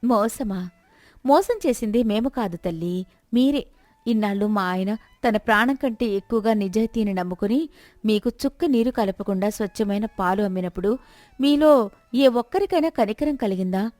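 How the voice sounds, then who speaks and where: A woman voicing a clever young village wife who explains calmly and reproaches, in a dry recording. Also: medium pitch, normal speed, no echo, close to an everyday voice. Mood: reproachful. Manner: calm, reasoning, then bitterly reproachful. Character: clever calm young wife, poor milkman's spouse.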